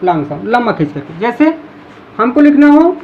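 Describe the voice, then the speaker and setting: A woman teacher explaining a lesson in a classroom style, repeating example words slowly to drill them. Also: a little high, sing-song, narrow, tinny audio, slight background noise.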